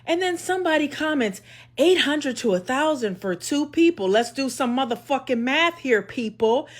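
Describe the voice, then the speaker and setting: A woman's voice: sits high, animated, moderate pace. A woman on an angry, profane rant, lecturing sarcastically. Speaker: social media poster.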